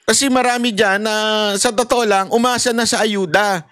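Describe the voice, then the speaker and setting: A man's voice: normal speed, a little hiss or hum. A man with a Filipino accent giving casual political commentary, laughing often and mixing in English. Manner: animated, mixes Tagalog and English, laughs often; shouts high when acting out scenes.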